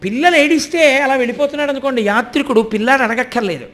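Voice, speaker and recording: High, bright-voiced man giving a devotional discourse. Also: very fast. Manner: animated, addresses listeners directly, acts out voices and chants Sanskrit verses. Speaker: religious discourse speaker.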